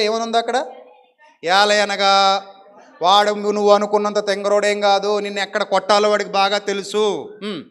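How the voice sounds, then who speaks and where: A man's voice: high voice, fairly bright tone, in a large hall. A male pastor preaching a sermon in a conversational way, acting out little dialogues and asking the congregation rhetorical questions.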